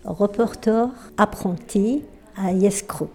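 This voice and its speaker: A woman in her sixties, from Iran, introducing herself as an apprentice reporter in an unhurried way, pausing often with fillers. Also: mid-range voice, darkish tone, faint music behind. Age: 60s. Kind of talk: self-introduction.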